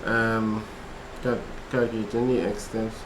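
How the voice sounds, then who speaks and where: A man whose voice sits on the low side speaks at a measured pace with a Trinidadian accent, tutoring maths over a casual livestream study session. He chats with viewers between steps and reads chat aloud, relaxed and chatty. The recording is reverberant, with background noise.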